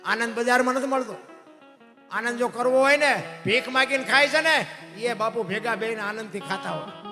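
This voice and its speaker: A man's voice: very high voice, moderate pace, pushed and bright. A man, a folk storyteller talking in a homely, preachy way to a live audience and often calling them "bapu". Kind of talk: folk stage storytelling talk. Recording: long hall reverb, faint music behind.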